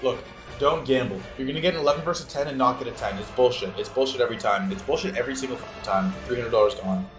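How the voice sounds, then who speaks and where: A man livestreaming his gambling, swinging between explosive shouting and muttered swearing. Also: medium pitch, fast talker. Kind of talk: livestream reactions. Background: music.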